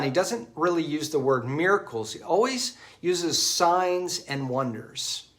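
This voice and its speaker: A man's voice: on the high side, a bit bright. A man preaching a homily on a gospel reading, talking conversationally with everyday examples and frequent asides to the listener.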